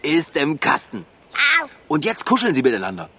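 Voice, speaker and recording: Excitable young bike mechanic, very animated. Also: female voice, sits low, normal speed, slight background noise, exaggerated voice. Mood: delighted. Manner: eager, chatty, informal. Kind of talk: children's audio drama acting.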